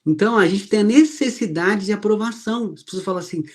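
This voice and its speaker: A man preaches in a warm, anecdotal style. He slows down for his key points and raises his voice when he acts out the people in his stories. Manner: storytelling, acts out quoted voices with rising pitch. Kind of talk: sermon.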